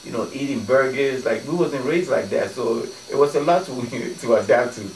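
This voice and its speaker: A man's voice: mid-range voice, normal speed, roomy sound, recorded from a distance, slight background noise, rough recording. Ghana-born man telling stories on radio. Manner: relaxed storytelling with many "you know" fillers and restarts. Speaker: guest, community organizer. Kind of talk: casual radio interview. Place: radio studio.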